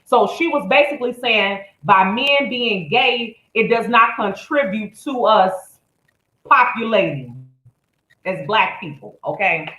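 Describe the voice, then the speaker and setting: A woman's voice: mid-range voice, animated, unhurried, bright, forceful tone. Blunt, profane woman in an echoey room. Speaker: live-stream host. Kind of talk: heated commentary.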